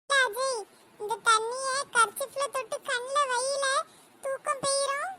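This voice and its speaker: A woman's voice: very high voice, fairly even intonation, normal speed, bright, forceful tone, exaggerated voice. A woman voicing a cheeky, chatty village schoolchild in a comedy cartoon, informal and childlike, with a southern Tamil Nadu accent. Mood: sleepy, whispering plans. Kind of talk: comedy skit voice acting.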